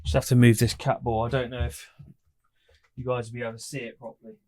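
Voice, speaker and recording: A man's voice: medium pitch, little pitch movement, fast talker, a little mellow. A man hosting a paranormal debunking channel, explaining things in a skeptical, casual way. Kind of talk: casual commentary and testing.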